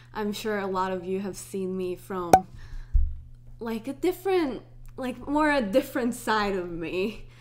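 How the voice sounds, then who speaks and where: A young woman in her twenties from Hong Kong, chatting casually through a get-to-know-me Q&A vlog. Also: mid-range voice. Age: 20s. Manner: relaxed, unhurried, chatty with restarts. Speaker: YouTuber.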